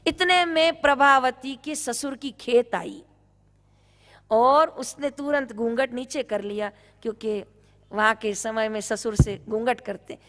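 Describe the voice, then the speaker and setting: A woman preaching at a religious gathering, telling a devotional story in an animated way and acting out the characters. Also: on the high side, a little slow, long reverb tail. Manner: animated, acts out voices.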